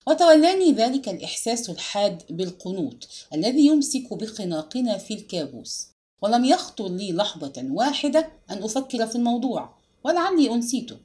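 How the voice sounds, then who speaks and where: A woman narrating a literary story aloud in a measured, expressive reading style. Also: fairly high pitch.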